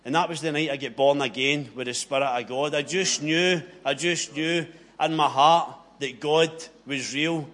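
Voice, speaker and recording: A middle-aged man speaks in a broad west of Scotland accent with a voice pitched a little high. He is giving a personal testimony to listeners in an earnest, unpolished way. He often repeats phrases to drive them home. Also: fairly bright tone. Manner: earnest, plain-spoken, repeats phrases for emphasis.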